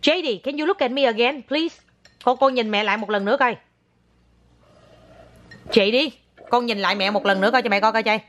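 A woman's voice: a little high, brisk, pauses often, a bit bright, slight background noise. A woman talking casually with her young child as a mother, patient and coaxing, repeating herself and slipping into English now and then.

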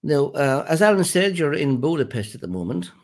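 Older man interviewer with a lively pitch. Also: a little fast. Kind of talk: video call interview. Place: indoor room at home. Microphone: video call.

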